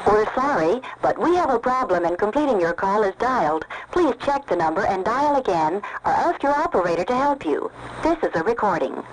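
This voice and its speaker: A woman delivering a formal recorded telephone announcement in a measured, polite, repetitive way, heard through a fuzzy, crackly, distorted phone recording. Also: medium pitch, sing-song.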